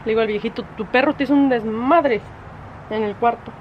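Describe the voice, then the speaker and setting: Woman, casual home vlog, chatty and exasperated, fairly high voice, faint background noise. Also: fairly quick, dull audio. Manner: chatty and exasperated, scolding a dog in sharp high bursts. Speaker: vlogger. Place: at home, indoors and outdoors.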